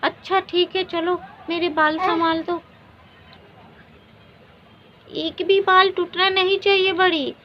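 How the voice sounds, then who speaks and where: A woman's voice: extremely high pitch, little pitch movement, slow, pauses often. A woman doing a spiteful, vain young wife. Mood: mocking. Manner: mocking, taunting. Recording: dull lo-fi recording.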